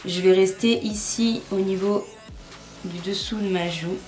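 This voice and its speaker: A young woman talks her way through a makeup tutorial in a casual, chatty, self-mocking way. Her voice sits at a middling pitch and bounces around an echoey room, with faint music underneath. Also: steady tone, measured pace, a little mellow. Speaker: beauty vlogger.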